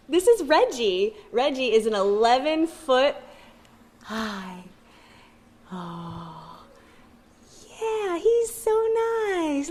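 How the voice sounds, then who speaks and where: A woman TV reporter presenting a live animal feature. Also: sits high.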